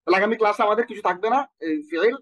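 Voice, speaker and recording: A young Bangladeshi man with a Bengali accent, teaching an online Arabic lesson and reciting verb conjugations in quick rhythmic runs. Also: sits high, fairly bright tone, dry recording. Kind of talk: online language lesson, drilling verb forms.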